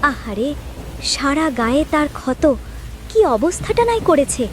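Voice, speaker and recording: A woman voicing a gentle, plaintive, downtrodden young village wife in a cartoon fairy tale. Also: high-pitched, big pitch swings, measured pace, a little hiss or hum. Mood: concerned. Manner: plaintive, tender.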